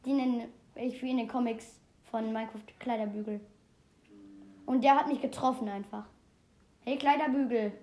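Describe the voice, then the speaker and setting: A woman giving casual, excitable gaming commentary, rambling through fun facts with many restarts. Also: a little high, moderate pace. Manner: excitable, keeps exclaiming "Junge". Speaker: let's play host.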